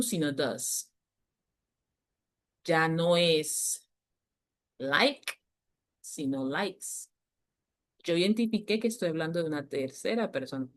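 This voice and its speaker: A woman teacher explaining grammar to a class, patiently repeating key points and slowing down to stress them. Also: fairly low pitch. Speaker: English teacher.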